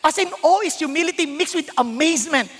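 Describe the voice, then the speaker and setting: High bright-voiced preacher. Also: male voice, a little fast, in a large hall. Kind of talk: sermon.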